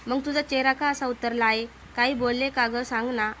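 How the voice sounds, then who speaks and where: A woman voicing an eager, urging young female flatmate. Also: fairly high pitch, normal speed, a little hiss or hum, natural voice.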